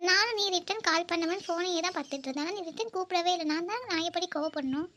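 An earnest young woman student in love, voiced by a woman for a cartoon. Her voice sits very high and her words come quickly. She talks emotionally and pleads. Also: a bit bright, slight background noise. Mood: defensive. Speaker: narrator and lead character. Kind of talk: cartoon voice acting.

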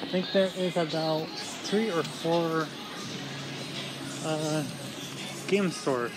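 A man's voice: a little high, fairly even intonation, slow, poor audio. Young man vlogging at a flea market. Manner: rambling, offhand commentary while walking. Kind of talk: casual walking vlog. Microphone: handheld phone camera at arm's length. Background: loud background music.

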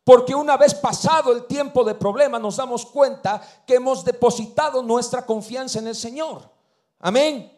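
A man preaching a sermon in a high, bright-pitched voice. He surges to loud emphatic peaks, then drops to near-whispered asides, and keeps punctuating with amen. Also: normal speed. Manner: preaching with rising bursts and hushed drops, frequent amen. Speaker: pastor.

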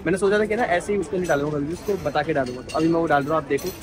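A man's voice: fairly high pitch, very fast. A man vlogging casually in an airport terminal, teasing his friends and talking to the camera. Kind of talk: casual vlog chat. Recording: crowded terminal noise.

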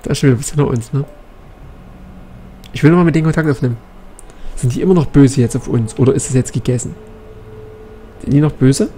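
A man giving casual let's play commentary, thinking aloud quickly as he plays. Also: medium pitch, mellow, a little hiss or hum.

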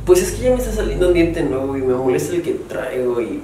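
A man's voice: fairly high pitch, lively intonation, quick pace, dark tone, a little hiss or hum. A young man with a Mexican accent acting a naive, timid, whiny friend in a web comedy sketch. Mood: naive complaining. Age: young adult. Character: naive, whiny, timid eighteen-year-old male friend. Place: indoors in a bare, hard-walled house room. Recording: very echoey room, distant mic.

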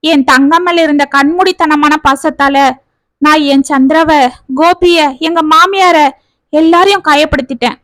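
A woman's voice: sits high, normal speed, fairly bright tone, no echo, clean studio sound. A woman voicing a young man, an apologetic elder brother. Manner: humble, apologetic.

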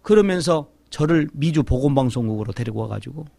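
A middle-aged man, a pastor, telling a testimony sermon in an animated storytelling way, acting out the voices of the people in his story. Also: mid-range voice, fairly quick, vocal fry, slight background noise.

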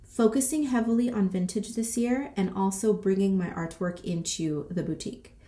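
A woman in her thirties, a boutique owner and vlogger, chats casually in a sassy vlog style from a small decorated room indoors. Her mid-range voice moves at normal speed, congested and slightly short of breath from a cold. She's animated and sassy, scattering slang and swearing throughout.

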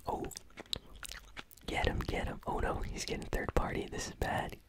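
A gaming channel host whispering ASMR commentary while chewing gum and reacting excitedly to a match. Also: normal speed. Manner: whispering throughout.

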